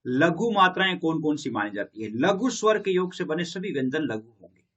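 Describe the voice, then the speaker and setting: A man's voice: on the high side, lively intonation, moderate pace, fairly bright tone, muffled recording. A male lecturer teaching a classroom lesson, repeating key points and quizzing his listeners. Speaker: Hindi literature lecturer.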